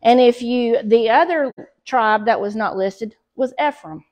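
Captured by a distant camera across a small fellowship hall, with a darkish tone, a middle-aged Southern woman unhurriedly leads Bible study. Her voice sits a little high as she reads scripture, then unpacks it with pauses and fillers.

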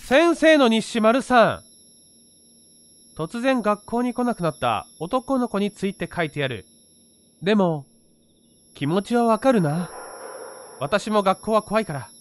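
A man's voice: high voice, sing-song, a little slow, pauses often, slight background noise. A man casually commentating a horror game, talking to himself and reading screen text aloud. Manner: talks to himself, narrating each step. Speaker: gamer playing a horror game.

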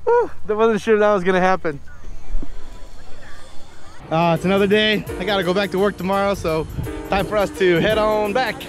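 An upbeat man narrates a family travel vlog with a fairly high voice. He talks chattily to a handheld camera outdoors. Soft music plays behind him. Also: fairly even intonation, normal speed, pauses often. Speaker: vlog host. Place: outdoors at a farm.

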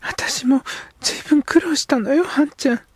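A man doing a young edo girl, breathy and earnest. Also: extremely high pitch, a little slow, no room sound, pitched above the performer's own voice. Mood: pleading, earnest. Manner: pleading, breathy half-whispers. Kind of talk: audiobook character voice.

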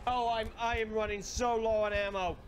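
A game streamer commentating live gameplay, excitable, swearing a lot and yelling at the game. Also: medium pitch, moderate pace.

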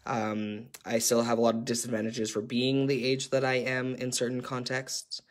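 Here the workshop facilitator, a young Canadian man, speaks in a mid-range monotone at moderate speed. He comes across as earnest and unsure, with frequent filler sounds as he guides the online session.

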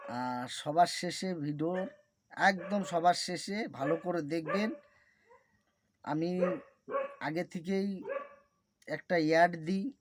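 A man reciting a mantra slowly and deliberately, then explaining it plainly to his viewers as a teacher. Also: fairly high pitch, noisy background.

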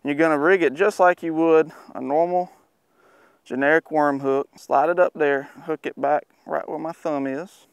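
A man in his thirties, hosting a fishing show, talks casually while fishing from a boat on a pond, easygoing and now and then excited. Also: on the high side, normal speed, creaky, clean tone, dry recording. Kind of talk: casual on-the-water fishing instruction.

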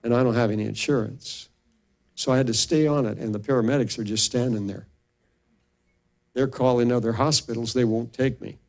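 An older male pastor delivering a sermon testimony at a middle pitch. He tells his story with animation and slips into the voices of the people he quotes. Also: steady tone, fairly quick, a little mellow.

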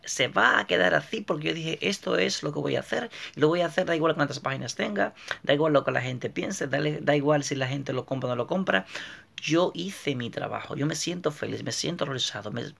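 A man hosting a casual motivational monologue, talking in an animated way and repeating phrases for emphasis. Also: a little high, creaky. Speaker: motivational video host, author.

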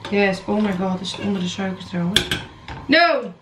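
A young woman chatting casually to her viewers in a home kitchen while she cooks, animated and talkative. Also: mid-range voice, brisk, echoey room, heavy background noise. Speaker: vlogger. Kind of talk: casual cooking vlog chat.

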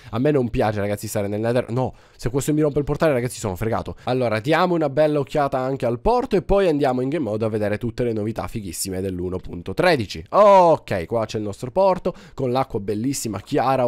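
A man with a cold and sore throat giving excitable, exclamatory gameplay commentary to his viewers. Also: mid-range voice, no room sound. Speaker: gaming YouTuber.

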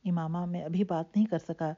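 A woman's voice: lowish voice, steady tone, mellow. A woman narrator voicing an anxious young man who tries to reassure, on a dull lo-fi recording. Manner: anxious, then soothing.

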